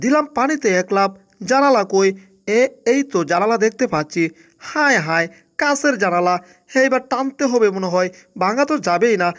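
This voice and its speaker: A woman's voice: fairly high pitch, expressive, moderate pace, natural voice. A woman voicing a boastful, easily panicked male cat in a Bangla cartoon dub, full of exclamations. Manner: rhyming boasts, exclamatory wailing.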